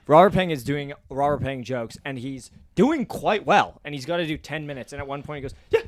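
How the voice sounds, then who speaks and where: A man, hosting a podcast and telling a long story in a casual, animated way, acting out the people he quotes. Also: fairly high pitch, fairly quick. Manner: animated, acts out quoted people in loud voices. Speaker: podcast host.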